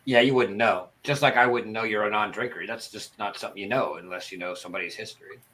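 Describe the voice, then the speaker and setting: Low-voiced man lisping through missing front teeth. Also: fairly even intonation, quick pace, pushed and bright. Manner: storytelling, self-deprecating. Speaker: livestream participant and former broadcaster. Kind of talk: casual livestream chat.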